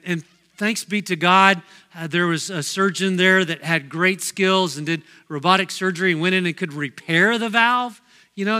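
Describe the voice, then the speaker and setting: A man's voice: high voice, sharp tone. A middle-aged man preaching a sermon as pastor, telling a personal story in a conversational way with many asides. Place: church sanctuary.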